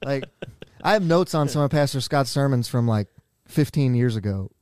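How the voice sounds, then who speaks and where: A man's voice: medium pitch, lively intonation, normal speed, darkish tone, smooth, no echo. Young man, podcast co-host, casual rambling stories, self-deprecating, dry close sound. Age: young adult. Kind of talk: casual chat.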